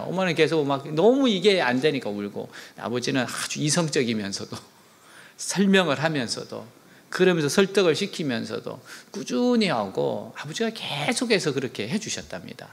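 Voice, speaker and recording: Middle-aged male preacher, expressive storyteller whose pitch swings widely and who drops to whispers for effect. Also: vocal fry. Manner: animated, dropping to whispered asides. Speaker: professor preaching to an audience. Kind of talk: sermon with storytelling.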